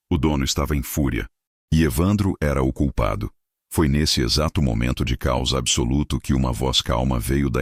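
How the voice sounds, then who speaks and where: A man narrating a scripted dramatic story in a measured way. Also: extremely low pitch, dry recording, clean studio sound.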